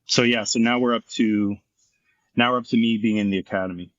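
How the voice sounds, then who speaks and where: A man's voice: lowish voice, steady tone, fairly quick, no room sound, muffled recording. A middle-aged man, a former firefighter and paramedic, telling his story frankly and intensely in an interview, swearing freely.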